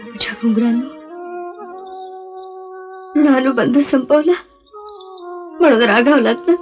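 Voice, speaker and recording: A woman's voice: high-pitched, muffled recording. An actress playing a woman possessed by the spirit of a murdered devadasi, tearful and wailing in a film drama. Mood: mournful. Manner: wailing, tearful and rising to cries.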